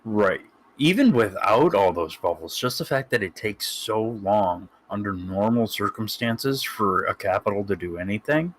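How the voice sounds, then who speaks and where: Male stream guest with a lowish voice, calm and measured in casual chat.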